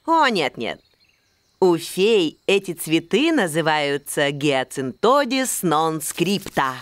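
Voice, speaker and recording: Crisp, animated fairy nanny. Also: female voice, low-pitched, slow, no room sound, full character voice. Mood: prim. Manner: precise, correcting, schoolmistress-like. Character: prim, strict fairy nanny teacher. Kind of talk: children's cartoon acting.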